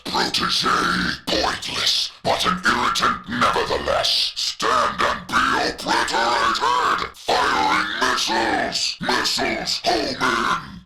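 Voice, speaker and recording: An actor playing a ruthless, megalomaniac general in a video game, with a gravelly, forceful voice and a pompous, contemptuous, theatrical delivery. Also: male voice, medium pitch, exaggerated voice. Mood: scornful rage. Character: ruthless megalomaniac male general, villain scornful of humanity. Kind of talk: dramatic video game villain acting.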